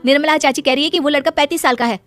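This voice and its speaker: A woman's voice: high-pitched, racing, a bit bright, soft background music. A woman voicing a defiant but polite unmarried schoolteacher daughter of nearly thirty in a moral-story cartoon. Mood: indignant. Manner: indignant, protesting.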